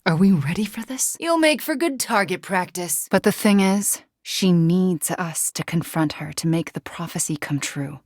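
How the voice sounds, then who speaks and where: A young witch heroine from a video game, her voice on the low side and recorded very dry. She is earnest and burdened by guilt, with a streak of dry wit. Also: animated, normal speed, hardly any pauses, darkish tone, no room sound. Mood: determined. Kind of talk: scripted video game voice lines.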